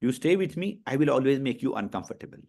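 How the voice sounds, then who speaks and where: A man's voice: mid-range voice, sing-song, fast, a little mellow. A male coach with an Indian accent leads a motivational interview. He drives each point home with emphasis and repetition, often turning to his listeners to check they are following. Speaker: coach hosting a session.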